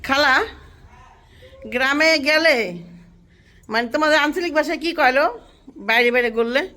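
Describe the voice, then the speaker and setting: Chatty high-voiced woman vlogger. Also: unhurried, pushed and bright. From Bangladesh. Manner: chatty, folksy, talks to viewers and family as she films. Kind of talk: casual chat to camera.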